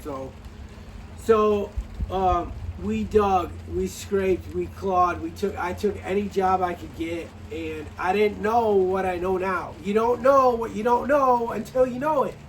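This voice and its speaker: Halting middle-aged farmer, high voice. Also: male voice, recorded from a distance, slight background noise, poor audio. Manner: rambling, halting, many restarts and fillers; dry sarcasm. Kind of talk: casual personal story to camera.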